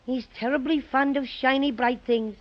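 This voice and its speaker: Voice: high voice, steady tone, moderate pace, lightly acted. An actor voicing a small, boastful but kindly Irish teddy bear in a 1930s children's radio serial, with a jaunty brogue. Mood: matter-of-fact. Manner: jaunty, playful storybook brogue. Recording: dull vintage 1930s radio recording.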